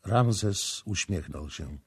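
A man giving a slow, even audiobook narration. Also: low-pitched, slightly rough. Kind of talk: scripted narration.

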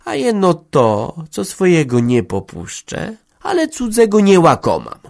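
A man's voice: mid-range voice, lively intonation, measured pace, darkish tone, pitched above the performer's own voice, natural voice. A man reading an audiobook, voicing a proud young peasant woman who speaks firmly. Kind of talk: audiobook character voice.

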